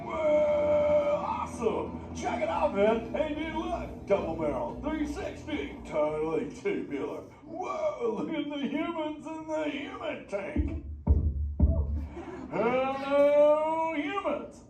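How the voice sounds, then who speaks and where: A man's voice: extremely high pitch, big pitch swings, takes it slowly, loud music behind the voice, full character voice. A man voicing a laid-back male sea turtle who talks in a slangy surfer drawl, chatting live with a theater audience. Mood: stoked. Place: indoor theater show. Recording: echoey theater, distant, noisy.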